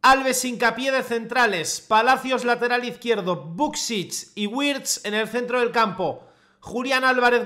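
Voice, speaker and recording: A young man, commentating his own football video game match in the style of a TV commentator and bursting into long shouted goal calls. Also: extremely high pitch. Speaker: gaming youtuber playing a football career mode. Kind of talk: excited self-commentary while gaming.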